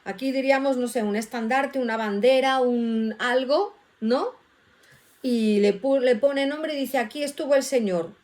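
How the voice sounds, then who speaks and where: A woman with a bright, high-pitched voice leads a casual Bible study. She reads scripture in a lively way and acts out the voices in the verses. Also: a little slow.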